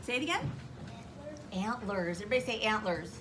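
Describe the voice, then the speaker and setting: In a school classroom, a woman teaching young children speaks with a medium-pitched, sing-song voice at a fairly quick pace. She gives instructions, repeats them, and asks plenty of questions, all over noisy classroom background.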